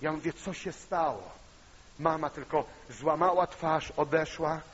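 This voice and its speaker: A male preacher tells a personal story to his congregation, his somewhat high, husky voice climbing to fervent, loud peaks. The sound is muffled and dull. Long reverb from the church hall trails behind every phrase. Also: unhurried. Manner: emotional storytelling, rising to loud impassioned peaks. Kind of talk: sermon with personal testimony.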